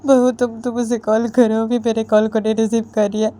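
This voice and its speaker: A woman's voice: on the high side, little pitch movement, a little fast, mellow, pitched above the performer's own voice, close to an everyday voice. A woman voicing a middle-aged mother who is crying and pleading with her daughter-in-law over the phone, repeating herself. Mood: tearful pleading.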